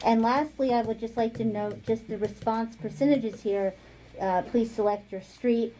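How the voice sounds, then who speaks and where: A woman with a fairly high, mellow voice walks a council meeting through survey results. She hesitates often, filling pauses with ums. A faint hiss sits under the recording. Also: steady tone, low-quality recording. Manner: hesitant, many ums, light laughs. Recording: faint noise, online meeting audio.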